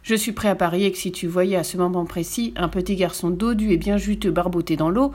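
A gloating, greedy giant crocodile, as a woman reading a storybook puts him on. He brags loudly about his tricks with a pushy, swaggering manner. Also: lowish voice, a little fast, close to an everyday voice. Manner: gloating, boastful. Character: greedy boastful huge male crocodile.

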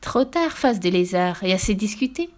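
A woman voicing a vain, furious old witch in a children's storybook reading, with theatrical, shrill, drawn-out gloating. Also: big pitch swings, lightly acted.

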